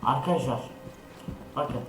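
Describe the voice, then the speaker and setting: A man's voice: mid-range voice, measured pace, over loud music. A young man hosting a horror game let's play, talking to his viewers in a jittery, scared way. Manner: jittery, talks to viewers, frequent scared remarks. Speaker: gaming channel host. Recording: echoey room with noise.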